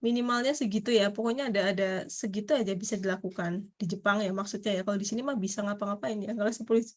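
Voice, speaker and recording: A woman teaching a Japanese class in a chatty, casual way, laughing often and reading example sentences out slowly. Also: mid-range voice, fairly even intonation, a little mellow. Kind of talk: casual online class explanation.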